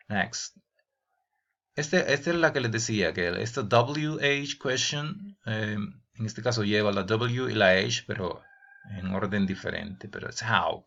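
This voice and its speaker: In a dull lo-fi recording, a man with a lowish, gravelly, somewhat bright voice gives a bilingual grammar lesson to teenagers. He calls them "jóvenes," reading each English example question aloud before translating it into Spanish.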